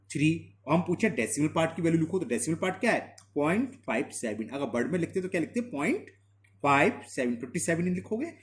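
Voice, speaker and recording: A man teaching a maths lesson, mixing Hindi with English terms, asking and answering his own questions and slowing down to dictate definitions. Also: a little high. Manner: slows to dictate definitions word by word. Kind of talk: classroom lesson explanation.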